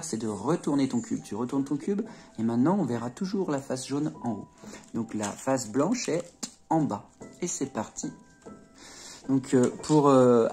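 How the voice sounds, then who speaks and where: A man's voice: mid-range voice, a little mellow. Chatty man demonstrating moves, asking "ok?". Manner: chatty, checks in with "d'accord?", punctuates moves with "hop" and "tac". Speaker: Rubik's cube tutor. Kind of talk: casual hands-on tutorial.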